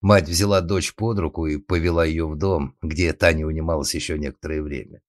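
A man narrating an audiobook in a steady, ironic storytelling manner. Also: very deep voice, fairly quick, dry recording, clean studio sound.

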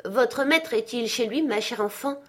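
A woman's voice: fairly high pitch, a little slow, fairly bright tone, voice pushed up. A woman voicing Scrooge, a joyful old man, reading his lines with cheerful eagerness in a storybook reading.

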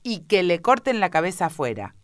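A woman voicing a furious storybook queen who shouts orders. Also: a bass voice, moderate pace, no room sound, studio quality.

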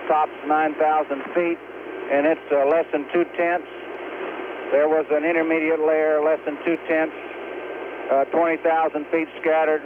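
A man on a two-way aircraft radio, his fairly high voice squeezed thin like a phone line. Heavy static hisses under every word. He reads out cloud layers and winds in a clipped, matter-of-fact way, pausing as he goes. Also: level tone. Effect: voice heard over a two-way aircraft radio. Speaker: weather reconnaissance pilot. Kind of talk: radio procedure with weather report. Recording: tinny radio link with loud static.

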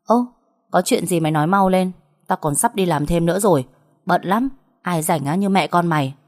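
Woman voicing a sharp-tongued older stepsister, blunt, scolding, rough talk, lowish voice. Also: normal speed. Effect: heard over a phone call.

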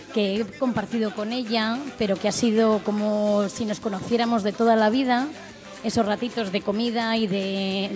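A woman introduces speakers at a round table. She talks haltingly and restarts as she searches for words. Music plays clearly behind her voice. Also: medium pitch.

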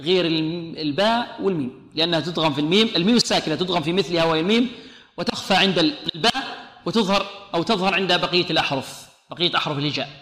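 A man with a bright, fairly high voice teaches Quran recitation, stopping to chant verses slowly for students to repeat. The recording carries a long, roomy reverb from a large hall. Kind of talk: tajweed lesson with chanted recitation.

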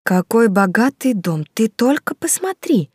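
A woman's voice: sing-song, unhurried, a little mellow, husky, dry recording, studio quality, heavily acted. A woman reading the part of a scheming, fawning noble baroness who talks in a raised, indignant voice. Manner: indignant, high and agitated.

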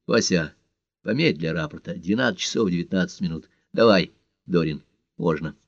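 Man voicing a calm male officer, low even voice, quiet, dull lo-fi sound. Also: normal speed, no echo.

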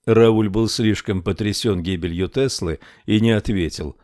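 Male narrator, low voice, measured reading, dry close sound. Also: darkish tone, no echo. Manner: measured storytelling. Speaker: audiobook narrator. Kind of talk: scripted narration.

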